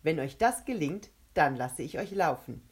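A woman voicing a gloating male monster made of a huge mouth, who taunts and shouts triumphantly. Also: sits low, expressive, normal speed, slightly rough. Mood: smug.

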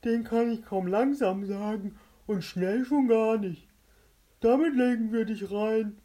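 A woman voicing a nervous, giggly male companion who stumbles slowly over his words. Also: a little high, lively intonation, mellow, voice pushed up.

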